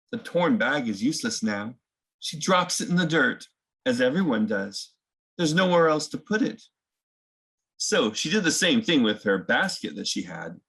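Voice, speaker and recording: This read-aloud host, a man with a medium-pitched, creaky and gravelly voice that's a bit bright, narrates a children's picture book. Between passages he talks to young viewers in a conversational, explanatory manner.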